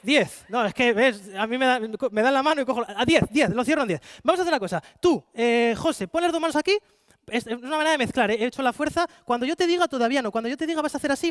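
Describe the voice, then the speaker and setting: Male stage magician, Spanish accent, very high voice, brisk playful patter, dry close sound. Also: fairly bright tone, no echo. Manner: fast, playful showman, coaxing volunteers. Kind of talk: live card-magic show with audience volunteers. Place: conference hall with live audience.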